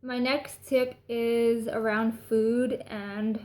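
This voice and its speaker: A woman's voice: fairly high pitch, level tone, drawn-out words, a little mellow. A woman with a Canadian accent giving casual, chatty advice in a vlog, speaking informally. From British Columbia, Canada. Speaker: vlogger sharing recovery tips.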